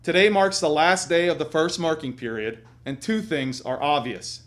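A middle-aged man speaks as a school administrator, delivering a formal prepared address to students. His voice sits a little higher than most men's. He is seated at a desk in a small school studio. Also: moderate pace, fairly bright tone.

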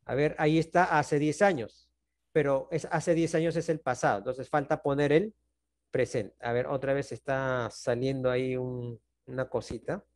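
A man's voice: mid-range voice, steady tone, moderate pace, darkish tone. A man teaching a math class over a video call, with a Peruvian Spanish accent. He explains patiently and keeps checking in with the class. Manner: patient, checks in often with "¿no?" and "¿está bien?".

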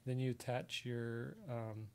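Taking things slowly in a creaky, level, medium-pitched voice, an American artist explains a casual drawing tutorial step by step while sketching. He instructs from his desk on a live stream in an indoor room; there is slight background noise, and the sound comes through the left ear only.

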